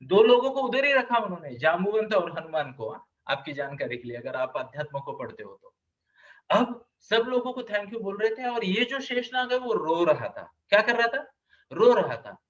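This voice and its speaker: A man's voice: high-pitched, very animated, normal speed, a bit bright. A man who counsels children, telling a story as a lesson, asking the audience questions and having them repeat the key words. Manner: brief acted voices for the characters in the story. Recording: somewhat distant, slightly dull sound.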